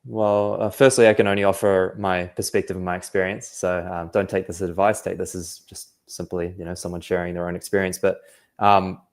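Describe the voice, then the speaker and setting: A man's voice: deep voice, level tone, fairly quick. A young man from New Zealand, an anxiety coach talking reflectively in a casual podcast interview, with many fillers.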